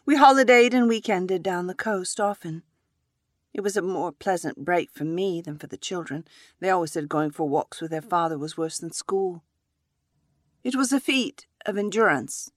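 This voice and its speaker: A woman narrating a first-person story in a measured, reflective way. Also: on the low side, no room sound, clean studio sound.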